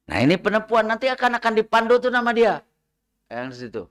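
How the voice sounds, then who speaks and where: A man's voice: high-pitched, very animated, a little fast, a bit bright, smooth. A middle-aged man with a Sundanese accent giving a religious study talk, telling chatty anecdotes and slipping between Indonesian and Sundanese. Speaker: Islamic lecturer.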